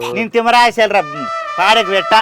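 A man's voice: sits high, fairly even intonation, normal speed, over loud music, lightly acted. A man playing a quarrelsome, foul-mouthed old village woman in a comedy sketch, scolding and cursing. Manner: scolding, cursing, wailing in pain.

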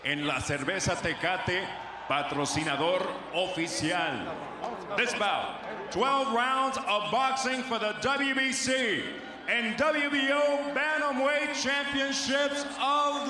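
A man in his forties making formal boxing ring announcements on a handheld microphone, booming and stretching words like a lucha libre showman. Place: boxing ring in a large indoor arena. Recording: echoey, noisy arena PA.

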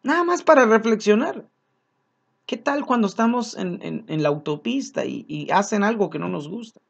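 A man's voice: high-pitched, expressive, moderate pace, gravelly, muffled recording. A man preaching a sermon, earnest and repeating his key phrases as he speaks to his congregation as brothers.

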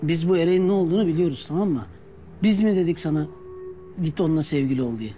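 An actor playing an easygoing, gently teasing man in a TV drama, light and reasonable in how he talks. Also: fairly high pitch, quick pace, soft background music, close to an everyday voice. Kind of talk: TV drama acting.

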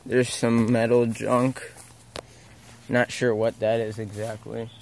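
A man's voice: medium pitch, flat delivery, takes it slowly, gravelly, darkish tone, slight background noise. Young man narrating a woodland walk. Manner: rambling, unsure, self-correcting. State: walking while talking. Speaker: explorer filming abandoned sites. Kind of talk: casual walking vlog narration. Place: outdoors in a forest. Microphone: handheld camera mic.

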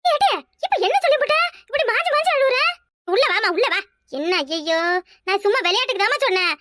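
A shrill cartoon busybody of a big sister, acted by a woman, scolding and fussing. Her voice sits extremely high and comes out sharp and bright. It is recorded dry and close, with no room around it. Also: expressive, quick pace, dry recording, full character voice. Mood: coaxing. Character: scolding, nosy village elder sister, grown woman. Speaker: cartoon character. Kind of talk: cartoon voice acting.

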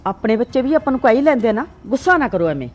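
A middle-aged sister-in-law, played by a woman, keeps soothing an angry relative. She speaks quickly in a slightly high voice. Faint music plays behind her. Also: very animated, muffled recording. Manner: placating, reassuring.

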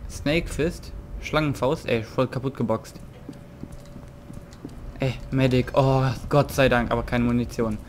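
A man's voice: mid-range voice, steady tone, a little slow, long pauses, slight background noise. A man giving casual, slangy gameplay commentary, reacting aloud and repeating short phrases. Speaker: gamer, Let's Play host. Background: game music and sound effects.

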